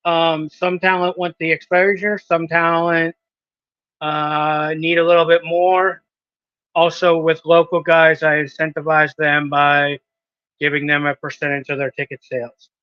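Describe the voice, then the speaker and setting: A man's voice: a little high, level tone, a little slow, clear, resonant tone, no echo, dull audio. A man in his thirties, a wrestling promoter, talking in a casual podcast interview with hesitant ums and restarts. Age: 30s.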